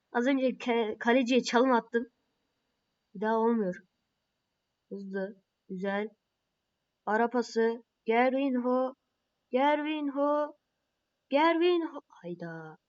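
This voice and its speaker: A woman playing a mobile football game, calling her own plays and reacting with excited and frustrated outbursts. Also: mid-range voice, dull audio.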